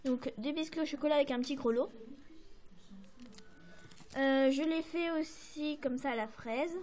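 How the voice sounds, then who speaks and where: High-voiced French woman chatting about crafts. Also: unhurried, darkish tone. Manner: chatty, hesitant, many fillers and apologies. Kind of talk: casual show-and-tell to camera.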